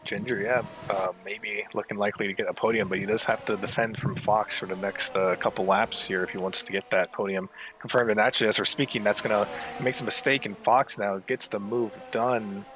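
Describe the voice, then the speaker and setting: A man's voice: on the low side, fairly even intonation, brisk, rough recording. A man giving conversational live motorsport commentary as a co-commentator, a bit hesitant as he pieces the action together. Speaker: motorsport co-commentator in an online sim racing broadcast.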